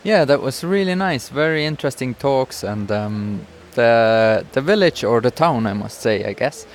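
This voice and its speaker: Out in a busy town square, a Swiss man co-hosts a casual podcast, chatting in a Swiss accent and occasionally hunting for the right English word. His voice is medium-pitched and animated, at a normal speed.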